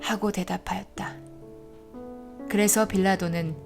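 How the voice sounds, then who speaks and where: A woman narrating scripture in a steady, even reading manner. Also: medium pitch, a little slow, creaky. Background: soft instrumental music.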